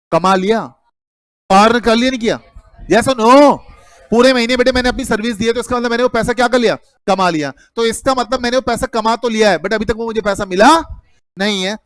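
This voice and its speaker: High-voiced male teacher quizzing class. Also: no room sound. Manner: calls students "beta", quizzes the class with repeated questions. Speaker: accounting teacher. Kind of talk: classroom lecture.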